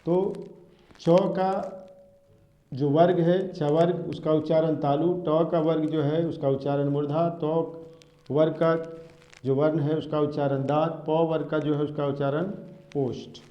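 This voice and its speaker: Slow, methodical male Hindi teacher. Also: a little high, flat delivery, faint music behind. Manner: slow, repetitive drilling of points. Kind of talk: classroom lesson. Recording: echoey room, dull lo-fi sound.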